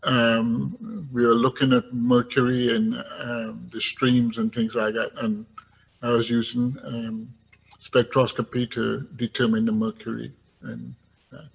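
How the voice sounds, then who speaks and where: Brief: older guest from Trinidad, gravelly tone, hesitant with frequent fillers. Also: male voice, mid-range voice, little pitch movement, unhurried, low-quality recording. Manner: hesitant, many ums and restarts. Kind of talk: casual interview talk.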